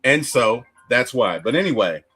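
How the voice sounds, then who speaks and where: Animated man recapping a movie. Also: mid-range voice, normal speed, breathy edge, faint music behind. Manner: animated storytelling, acts out quotes from characters. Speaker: movie review podcast host. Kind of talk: casual movie recap chat.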